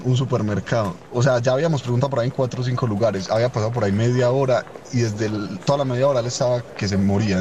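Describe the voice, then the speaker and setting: A young man telling a funny anecdote in a rapid, rambling, amused way. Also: mid-range voice. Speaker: storyteller. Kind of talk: casual anecdote.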